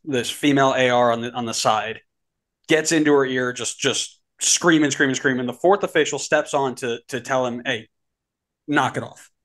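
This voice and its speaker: A man co-hosting a casual soccer podcast, with a mid-range voice. He tells stories with animated energy, and his voice climbs as the excitement builds. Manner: animated storytelling, climbing pitch when excited. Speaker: podcast co-host.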